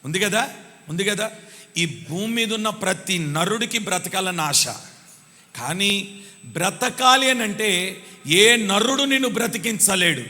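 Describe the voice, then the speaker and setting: A man preaching a live sermon in a church, calling on the congregation to answer louder and repeating verse references. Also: sits high, animated, a little slow, long pauses. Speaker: pastor. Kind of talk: live Sunday sermon with call-and-response. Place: church hall. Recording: long church hall reverb.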